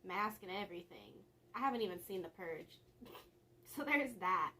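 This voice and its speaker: A woman's voice: fairly low pitch, expressive, moderate pace, pushed and bright. A young woman vlogger chatting casually and rambling a little, with laughs between thoughts. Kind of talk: casual vlog chat.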